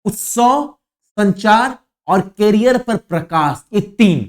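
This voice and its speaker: A man's voice: sits high, animated, slow. Emphatic male current affairs teacher. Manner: emphatic, repeats key points, asks and answers his own questions; informal, scornful asides. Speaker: exam coaching teacher.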